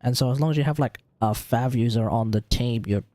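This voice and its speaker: Thinking out loud on his gaming livestream, an Australian host gives informal, sweary advice about character builds. His medium-pitched voice is brisk and warm, recorded with no room sound.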